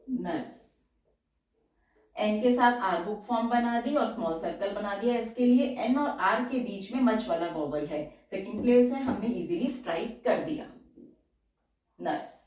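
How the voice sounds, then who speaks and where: Echoey woman teaching slowly, repeating words. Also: mid-range voice, darkish tone. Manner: explains slowly, repeats each word, drawls example words. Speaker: shorthand teacher. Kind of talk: step-by-step spoken lesson. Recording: very echoey room, voice from far off.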